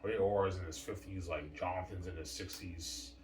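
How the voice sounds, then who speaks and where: Deep-voiced man rambling in an echoey room. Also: steady tone, normal speed, a little mellow. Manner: repetitive, keeps saying "obviously" and "man". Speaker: vlogger. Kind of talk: rambling casual monologue. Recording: echoey room, distant mic, faint noise.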